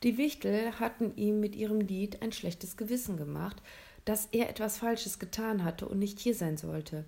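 A woman reading a children's Christmas story aloud, expressive and dramatic, with casual asides. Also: mid-range voice, normal speed, vocal fry.

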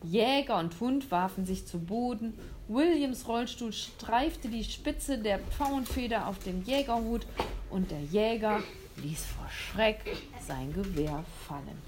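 A woman reading a children's story aloud, lively and expressive, with small slips. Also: mid-range voice, takes it slowly, noisy background.

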